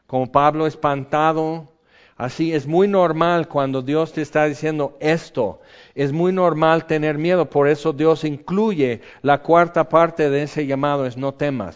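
A man preaches with a high, lively voice. He acts out the quotes with sudden high yelps. The recording sounds dull and lo-fi. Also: measured pace, clean tone. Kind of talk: sermon.

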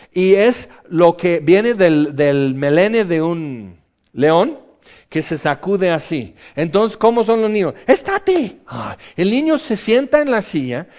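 A man preaches with a high, lively voice. He acts out the quotes with sudden high yelps. The recording sounds dull and lo-fi. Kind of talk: sermon.

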